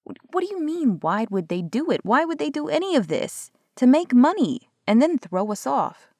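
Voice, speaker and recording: A young woman with a high-pitched, darkish voice and big swings in pitch speaks at a moderate pace. In a one-sided audio roleplay she plays a skeptical investigator who argues, mocks, swears casually and occasionally whispers. The studio sound is clean, without echo.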